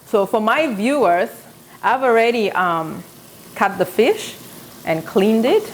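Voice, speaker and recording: Fairly high-pitched and very animated, she speaks at a slow pace in a low-quality recording with slight background noise. She's a woman in her thirties from South Sudan with a South Sudanese accent, hosting a live cooking show at home and chatting through stories while cooking, captured by a camera on a tripod at medium distance.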